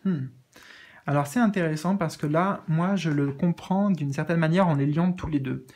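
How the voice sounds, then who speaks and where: A man with a slightly high voice reads spiritual cards in a casual, soothing way. He stumbles and restarts often, filling pauses while he searches for the right words. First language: French. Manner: hesitant, searching for words, many fillers; gentle, reassuring. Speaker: tarot card reader. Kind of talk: casual spiritual card reading.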